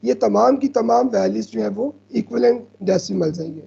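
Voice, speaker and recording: A man's voice: high voice, fairly quick, creaky, dark tone, slightly rough, highs cut off. A man, patiently teaching decimals over slides and repeating himself often. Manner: patient, repeats "ठीक है" often, mixes in English terms. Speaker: math teacher.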